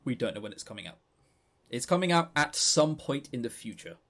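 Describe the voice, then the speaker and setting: This podcast co-host speaks in a mid-range, slightly bright voice, very animated and a little fast. He chats casually about a game and retells its story in a rambling way, stumbling into restarts as he goes.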